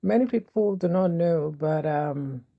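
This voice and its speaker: A woman with a gravelly, low voice and a Nigerian accent speaks unhurriedly as a guest in a casual interview; she founded a youth mental health foundation. Calm and explanatory, she eases into her points with fillers, on a dry, lo-fi recording.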